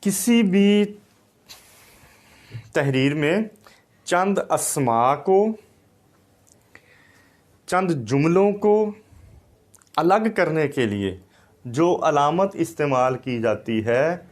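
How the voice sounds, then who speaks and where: A man giving a recorded lecture, explaining slowly and deliberately and telling a small anecdote to make his point. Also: fairly high pitch, expressive. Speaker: teacher.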